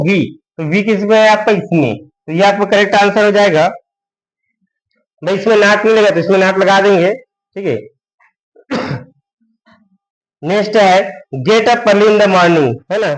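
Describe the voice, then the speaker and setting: A man's voice: high-pitched, poor audio. A man teaching English grammar, who keeps asking questions and answering them himself, with a frequent "है ना". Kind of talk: Hindi-medium grammar lesson.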